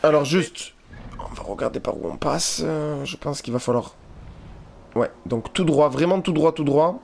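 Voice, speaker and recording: A man's voice: a little high, animated, normal speed, gravelly, darkish tone. A man giving casual let's play commentary, chatting straight to his viewers.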